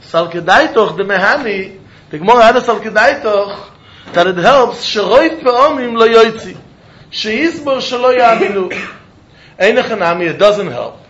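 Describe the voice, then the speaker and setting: A man with a Yiddish accent teaches Talmud in a notably high-pitched voice. He argues through questions and answers, circling back over phrases to press each point. The recording is dull and muffled, with clear room echo. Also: expressive, normal speed, a bit bright. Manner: argumentative question-and-answer, repeating phrases for emphasis. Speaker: religious teacher giving a Talmud lesson. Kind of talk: Talmud lecture mixing English with Yiddish and Hebrew.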